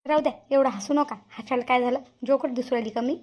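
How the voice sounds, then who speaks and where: A touchy, scolding elderly village woman from a cartoon comedy, voiced by a woman. She talks high and fast. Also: darkish tone. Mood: indignant. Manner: indignant, scolding. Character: touchy elderly village woman Shantabai, proud of her dress. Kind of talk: cartoon voice acting.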